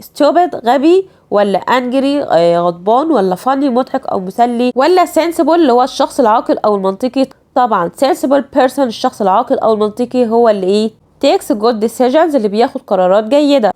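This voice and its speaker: Egyptian woman teaching English, high voice. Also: lively intonation, a little mellow. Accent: Egyptian Arabic. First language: Arabic. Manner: reads English items slowly, explains quickly in Egyptian Arabic. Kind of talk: exam review lesson.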